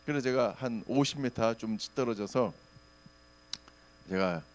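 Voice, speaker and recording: A middle-aged man preaching a sermon as pastor, telling stories with animated, acted-out quotes. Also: medium pitch, unhurried. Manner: animated storytelling, acting out shouted quotes. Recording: faint mains hum.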